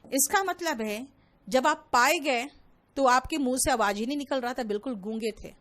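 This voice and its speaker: A woman's voice: sits high, moderate pace, a bit bright. A young woman teaching an online English vocabulary class, explaining in Hindi with English terms and calling her students "beta".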